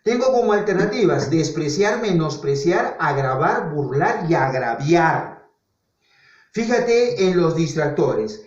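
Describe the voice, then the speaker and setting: A man's voice: fairly high pitch, big pitch swings, slow, darkish tone. A male teacher giving a classroom lesson, asking questions aloud and answering them himself, repeating key words for emphasis. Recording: echoey, dull lo-fi classroom recording.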